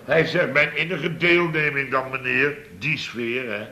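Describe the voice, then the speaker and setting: In this Dutch radio comedy bit, an actor with a medium-pitched voice plays an exasperated, blustering building-firm boss recounting his stories. His delivery is steady and unhurried yet pushed and bright, full of exclamations and repetition.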